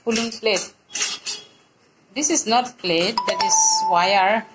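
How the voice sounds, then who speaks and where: A woman's voice: mid-range voice, slow pace, heavy background noise. A woman filming a casual home unboxing vlog indoors on a phone, hesitant and searching for words. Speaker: vlogger filming the assembly. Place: indoor living room at home.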